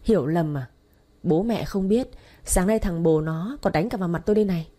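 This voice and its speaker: A woman voicing an angry, bullying young husband who shouts and sneers in an audio story. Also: lowish voice, a little fast, close to an everyday voice.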